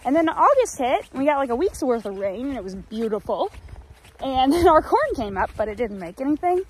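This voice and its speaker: Speaking high, very animated and a little fast, with a breathy edge, this thirtysomething farmer records a casual vlog on a phone at arm's length, and the audio quality is low. She's outdoors by her fields and cattle barn, chatty and rambling yet down-to-earth, sounding sore and worn out.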